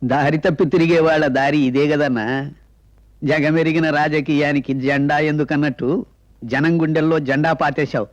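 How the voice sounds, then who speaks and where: Actor as a flattering smooth politician. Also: male voice, a little high, normal speed, dry recording, natural voice. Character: flattering male elected politician. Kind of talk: dramatic film acting. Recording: dry, dull lo-fi film audio.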